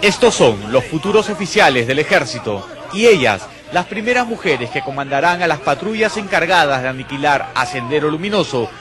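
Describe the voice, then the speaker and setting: A man's voice: on the high side, big pitch swings, brisk, few pauses, a crowd in the background. A man with a Peruvian accent delivering dramatic scripted narration for a TV news report. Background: music.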